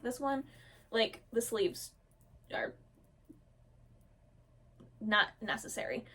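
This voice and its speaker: A woman vlogger sitting on camera, chatting casually about her characters in a rushed, gushing, rambling way. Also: on the high side, pushed and bright. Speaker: storyteller vlogger. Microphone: camera mic, seated on camera.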